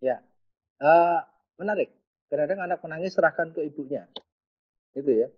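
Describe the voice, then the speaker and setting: A man's voice: fairly high pitch, moderate pace. A man answers webinar questions as a pediatric physiotherapist. He explains step by step and slips in light jokes. The sound is dull and lo-fi, like online call audio. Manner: explanatory, joking, with a Javanese touch. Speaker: guest speaker, pediatric physiotherapist.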